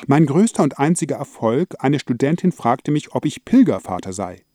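A man performing a theatrical monologue in a wry, dramatic storytelling voice. His tone is mellow and dark. The recording is dry and close, with no room sound. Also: mid-range voice, very animated, normal speed, no room sound.

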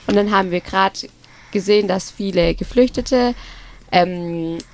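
A twenty-year-old woman with a gravelly edge to her voice. She explains a student project earnestly in a studio interview and often pauses with fillers. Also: mid-range voice, darkish tone. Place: radio studio.

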